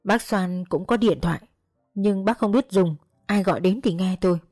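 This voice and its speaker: Woman reading a long story out loud, steady and earnest, dry close sound, soft music under. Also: medium pitch, normal speed, dry recording. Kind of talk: first-person story narration.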